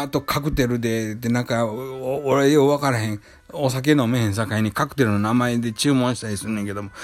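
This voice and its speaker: A man with a Kansai accent hosting a casual solo talk show, rambling with many fillers and restarts. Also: medium pitch. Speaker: podcast host. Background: faint background music.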